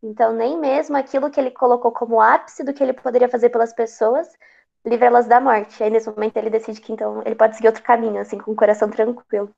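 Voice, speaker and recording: Woman chatting thoughtfully on a video call, a bit high and gravelly, muffled audio. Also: flat delivery, fast, dark tone. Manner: thoughtful, conversational, fillers like assim, né. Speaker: study group participant. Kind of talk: casual online discussion.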